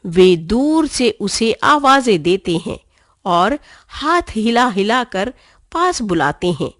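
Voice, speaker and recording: A woman narrating a children's story in an expressive, clear way. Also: fairly high pitch, takes it slowly, dry recording, studio quality.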